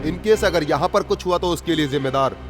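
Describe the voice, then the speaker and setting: A man's voice: on the high side, fairly quick, lightly acted. A man voicing a taunting village strongman villain. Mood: threatening. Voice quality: taunting, menacing, mocking laughs. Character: menacing village strongman villain, male adult. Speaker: dubbing actor. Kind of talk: Hindi film dubbing. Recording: film soundtrack with loud music.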